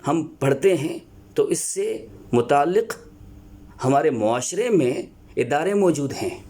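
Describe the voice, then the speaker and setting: A man lecturing as a teacher, earnest and explanatory, pausing often to find his words. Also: a little high, lively intonation, dark tone. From Pakistan. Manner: earnest, explanatory, with many filler pauses and restarts. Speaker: Urdu teacher. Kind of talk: spoken lecture on teaching Urdu.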